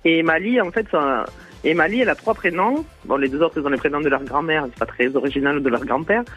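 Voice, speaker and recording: Soft music plays behind a deep, slightly bright, breathy female voice speaking fast over a tinny phone line. She's a chatty, giggling radio caller from Toulouse, France, with a southern Toulouse accent, explaining at length.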